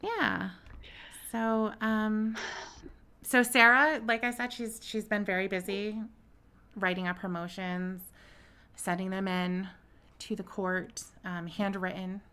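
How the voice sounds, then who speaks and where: Bright-voiced woman co-hosting a chatty podcast. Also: medium pitch, fairly even intonation, slow pace, clean tone. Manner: chatty, many fillers and laughs. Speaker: podcast co-host. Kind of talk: casual chat about a court case. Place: home with her dog.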